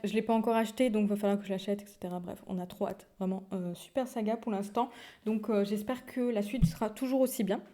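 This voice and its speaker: A young woman talks through her recent reads in a loose, chatty way, stumbling over words, restarting sentences and laughing now and then. Her voice is soft and mellow, at a middle pitch. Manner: chatty, many fillers and restarts, frequent laughs. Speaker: book vlogger. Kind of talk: casual chat.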